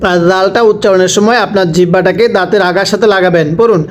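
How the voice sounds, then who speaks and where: A man teaching Quran reading, spelling out letters and vowel marks and then slowly drawing out each joined word for his students to repeat. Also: sits high, steady tone, a little hiss or hum, rough recording. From Bangladesh. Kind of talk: slow call-and-repeat recitation lesson.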